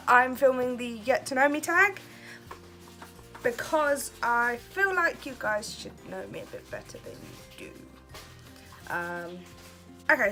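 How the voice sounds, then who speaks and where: A woman's voice: fairly high pitch, bright, forceful tone. A woman in her twenties from Kent, chatting casually and laughing at herself as she answers questions for her vlog. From Kent, England. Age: 20s. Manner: chatty, self-deprecating, laughs often. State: relaxed late at night. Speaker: vlogger. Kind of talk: casual get-to-know-me chat.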